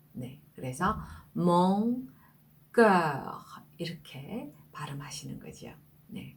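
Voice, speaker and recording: Slow, careful woman teaching French pronunciation. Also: fairly low pitch. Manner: slow, careful, repeats words for practice. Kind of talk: pronunciation lesson.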